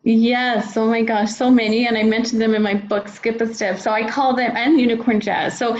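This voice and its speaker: Her voice is a little high and a little mellow, delivered flatly at a moderate pace, as this middle-aged American children's book author talks at length about her work. She's an enthusiastic, talkative podcast guest in a conversational interview. The recording is muffled, with slight background noise.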